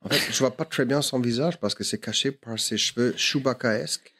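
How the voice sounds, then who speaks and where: A man's voice: mid-range voice, normal speed, pushed and bright, breathy edge. A man doing a gushing smitten inner voice. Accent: put-on American. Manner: gushing, over-the-top romantic. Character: smitten young man's inner voice, romcom style.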